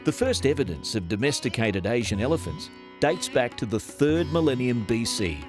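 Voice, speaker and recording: A man's voice: mid-range voice, big pitch swings, moderate pace, over music. A man reading scripted narration for a documentary.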